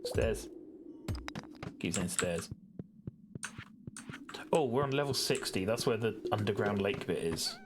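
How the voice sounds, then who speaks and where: A man talks casually over a co-op game, mixing dry sarcastic jokes into his running commentary. His pitch moves around a lot as he reacts. Game music plays clearly behind him. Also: animated, slow pace, long pauses. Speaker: gaming video host. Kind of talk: casual co-op gameplay chat.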